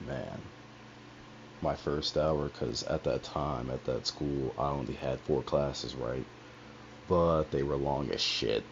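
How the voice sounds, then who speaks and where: This streamer has a gravelly bass voice and a slow pace. The young man casually tells a personal story over his headset on a livestream, rambling and cursing with lots of asides, in dull lo-fi audio with faint hiss.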